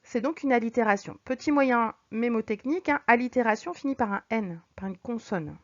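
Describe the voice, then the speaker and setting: Lady teacher reading out examples slow and clear, kinda high voice, muffled lo-fi audio. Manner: explains patiently, reads examples slowly and clearly. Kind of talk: recorded French lesson. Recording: dull lo-fi recording.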